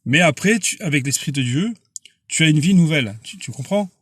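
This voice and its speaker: A man preaching on a live stream in a casual, earnest way. His voice sits a little high, and he stumbles and repeats words as he presses his point. The sound is dry and close, with no room around it. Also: expressive, brisk, husky, dry recording.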